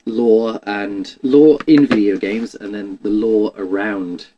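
A man's voice: fairly low pitch, steady tone, takes it slowly, dull audio, a little hiss or hum. A man chatting casually about video games, rambling and restarting his sentences with lots of "like". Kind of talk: casual chat.

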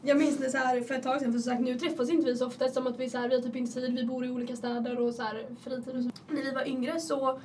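Young woman with a cold, high voice, chatty anecdotes, faint background noise. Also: little pitch movement, a little mellow, far from the mic. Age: young adult. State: has a cold. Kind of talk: casual chat.

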